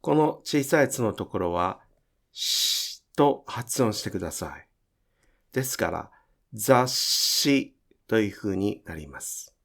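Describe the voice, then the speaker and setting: A man teaching Japanese pronunciation in a slow, careful explanatory lesson, drawing out his example words. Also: lowish voice, darkish tone.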